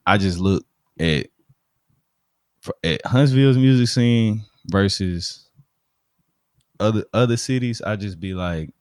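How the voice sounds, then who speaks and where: A man from Alabama, United States, talks casually in slang with a Southern accent, often asking whether the listener follows. He's a studio DJ and podcast speaker whose voice sits on the low side, slow-paced with frequent pauses. Clean studio recording, no room sound.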